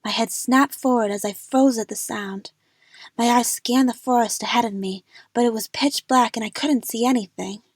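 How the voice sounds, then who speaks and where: For an amateur audio drama, a woman narrates a dramatic story in the first person at a normal pace. Her fairly high voice has a husky, breathy edge, captured close and dry with no room sound.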